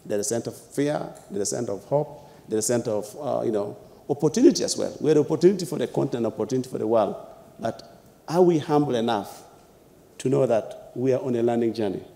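A man's voice: medium pitch, fast, creaky, mellow. A young man on a panel in a lecture hall, speaking with emphatic, repetitive rhetorical phrasing into a lapel mic. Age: young adult. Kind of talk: impassioned panel speech.

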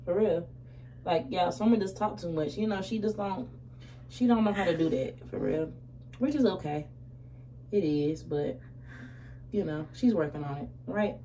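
Filmed from a camera a little way off, this twenty-something American vlogger gets ready in a small room and talks in a slangy, conversational way. She has a lowish, warm voice, speaks at an ordinary pace, and leaves long gaps. The distant mic gives a roomy sound with a bit of faint noise.

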